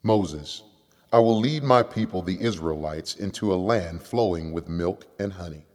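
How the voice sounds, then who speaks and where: A man voicing God in a children's Bible skit, speaking in slow, commanding proclamations. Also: sits low, darkish tone. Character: booming voice of God, commanding, solemn. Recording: long echoing reverb.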